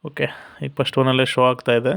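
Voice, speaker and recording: A man narrating a step-by-step software walkthrough in a steady instructional manner. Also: mid-range voice, fast, vocal fry, clear, resonant tone. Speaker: software tutorial presenter. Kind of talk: screen-recorded software walkthrough.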